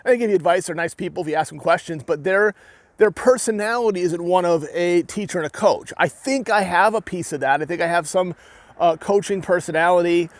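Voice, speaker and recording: A young New Hampshire-accented man from New England, who does armored combat, talks a little fast in a high-pitched voice during a casual rant to his video audience. He's earnest and rambling, often restarting and tagging lines with "right?" The recording is dry.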